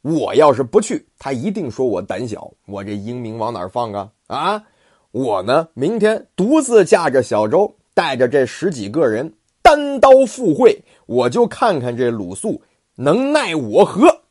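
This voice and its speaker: Man doing a booming proud old-style warrior general. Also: big pitch swings, measured pace, a little mellow, dry recording, studio quality. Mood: proud, defiant. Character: proud mighty warrior general, bearded, fearless.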